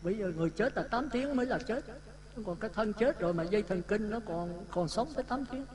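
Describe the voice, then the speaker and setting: A man with a Southern Vietnamese accent, a Buddhist monk telling a lively story in a sermon and acting out the dialogue. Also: high-pitched, brisk, a crowd in the background. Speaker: Buddhist monk giving a dharma talk. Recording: talk with audience sounds behind. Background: listeners laughing.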